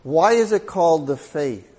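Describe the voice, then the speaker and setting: Slow-speaking older man teaching scripture. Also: on the high side, expressive, mellow. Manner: folksy, storytelling, emphatic. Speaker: Bible teacher. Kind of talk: Bible teaching sermon.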